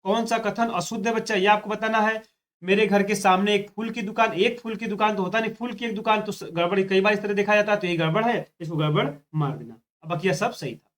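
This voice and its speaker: This is an exam practice lesson led by a man with a high, brisk, somewhat bright voice. He solves test questions step by step, repeats phrases, and calls out to students with "dekho" and "thik hai."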